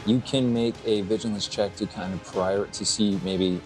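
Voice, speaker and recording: A man narrating as game master, halting with many fillers. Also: lowish voice, fairly even intonation, music in the background.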